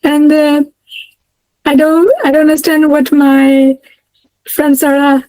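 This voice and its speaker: Speaking slowly in a level, high voice with a dark tone, a Myanmar woman in her thirties with a Burmese accent responds hesitantly to questions, full of fillers and false starts. She is the guest in a casual interview held over a video call, captured in a rough, dry recording.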